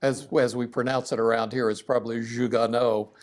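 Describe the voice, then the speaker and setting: An older man, a veteran, remembering his family history haltingly in an interview. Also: mid-range voice, level tone. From southern Ohio, United States.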